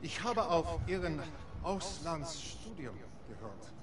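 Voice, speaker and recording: An actor playing a suave, menacing German officer in a video game, speaking in a silky, measured, toying way. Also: male voice, fairly high pitch, big pitch swings. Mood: silky menace. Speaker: game character. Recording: loud background noise.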